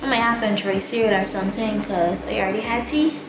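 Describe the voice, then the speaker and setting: Music plays in the background as a young Barbadian vlogger talks briskly in a mid-range voice. Filming herself up close in her quarantine room, she sounds fatigued, gloomy and fed up, letting out sighs.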